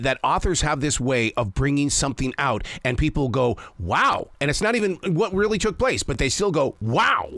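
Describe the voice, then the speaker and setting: A man's voice: medium pitch, fairly bright tone, no room sound. A man hosting a conversational interview in an effusive, admiring manner. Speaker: interview host, author.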